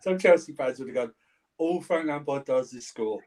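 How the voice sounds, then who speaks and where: Animated man chatting about football. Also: medium pitch, normal speed. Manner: animated, laughs while talking, repeats himself. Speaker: football podcast panelist. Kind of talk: casual football chat.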